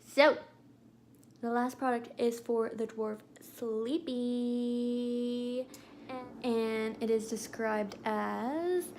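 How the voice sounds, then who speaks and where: Young woman, casual rambling chat, raspy fry, a bit high-pitched. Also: very slow, long pauses, darkish tone, a little hiss or hum. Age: young adult. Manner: chatty, rambling, lots of filler words. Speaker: beauty vlogger.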